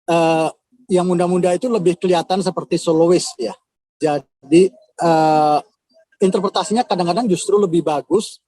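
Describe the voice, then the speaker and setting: Man, composer type, casual live-call host, pauses and fillers a lot, slightly high voice, dry sound. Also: darkish tone, no echo. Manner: hesitant, many filler sounds.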